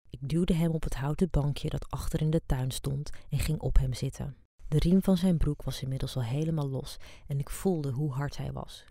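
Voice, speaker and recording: Woman with a dark, gravelly voice. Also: rumbling low, no room sound, studio quality. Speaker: storyteller. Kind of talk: scripted erotic story reading.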